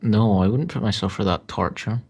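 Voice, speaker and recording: A man's voice: lowish voice, a little fast, a little mellow, highs cut off. A man chatting casually as a commentator on video game cutscenes. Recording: game music behind.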